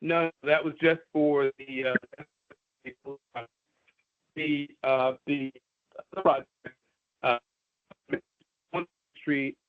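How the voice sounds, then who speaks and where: A man's voice: a little high, steady tone, dry recording. A man talks over a remote call that keeps breaking up, his voice chopped and cutting in and out. The line sounds thin and tinny, like a phone, with no room sound around him. He halts often and fills the gaps with uh. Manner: halting, full of uh fillers. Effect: call audio breaking up, cutting in and out. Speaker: city official presenting a project to a board. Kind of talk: remote meeting presentation. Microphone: remote call with a weak signal.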